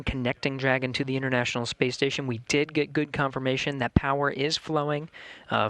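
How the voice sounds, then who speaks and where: A man giving measured, explanatory live commentary from a space mission control. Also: medium pitch, a bit bright, dry recording.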